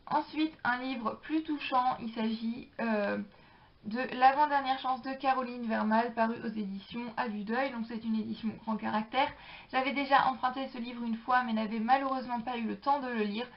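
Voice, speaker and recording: A young woman with a steady, somewhat high voice chats at normal speed about books she borrowed, hesitating often and leaning on fillers. It's a casual book haul video from a book vlogger, and the lo-fi recording sounds dull.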